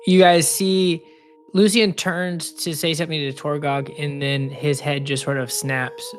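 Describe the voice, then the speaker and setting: A man with a mid-range voice describes his character's actions in a loose, halting way, with frequent fillers. Faint music sits behind him. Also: mid-range voice, a bit bright. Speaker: player. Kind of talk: tabletop game narration.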